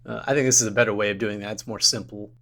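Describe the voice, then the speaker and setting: A man's voice: lowish voice, fairly even intonation, rapid-fire, vocal fry, a bit bright. A man co-hosting a podcast, chatting casually and agreeably about tabletop games, thinking aloud as he goes. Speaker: podcast co-host.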